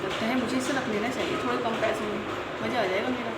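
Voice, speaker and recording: A woman's voice: on the high side, fairly even intonation, quick pace, voice pushed down, close to an everyday voice. A woman voicing a bossy, stingy rich lady of the house who talks down to her maid, recorded in a roomy, noisy space. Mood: scheming. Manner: scolding and commanding.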